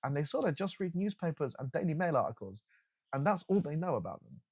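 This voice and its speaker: A man's voice: a little high, sing-song, fast, darkish tone, slightly rough, no echo, studio quality. A man hosting a reaction commentary video, sarcastic and incredulous, with casual swearing.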